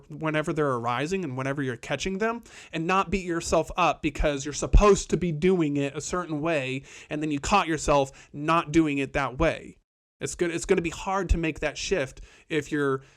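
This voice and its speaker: A man with a fairly high voice talks through a self-help monologue as host. He is earnest and repetitive, and now and then he voices his own inner self-talk. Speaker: podcast host.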